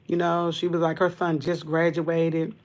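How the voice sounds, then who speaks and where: A tearful woman hosts a livestream, speaking straight to a camera. Her talk is halting and earnest; she repeats her words and circles back as she fights back tears. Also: sits low, level tone. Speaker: livestream host. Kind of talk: emotional livestream monologue.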